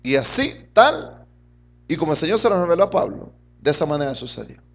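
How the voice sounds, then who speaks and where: A middle-aged man preaching a fervent sermon as pastor, his voice swinging between loud and soft as he keeps addressing the congregation as brother. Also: a little high, sing-song, brisk.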